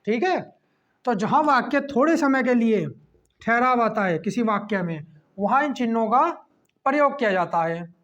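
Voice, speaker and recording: A man teaching a class lesson, checking in with a quick "okay" between points as he explains. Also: very high-pitched, expressive, a bit bright. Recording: dull lo-fi recording.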